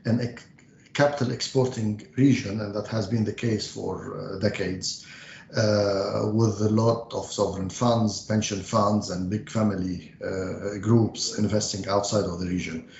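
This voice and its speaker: A man's voice: fairly low pitch, steady tone, gravelly, a little mellow, reverberant, highs cut off, a little hiss or hum. A middle-aged man from Lebanon, a banker answering interview questions with many hesitations. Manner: measured, frequent hesitations. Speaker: investment banker guest.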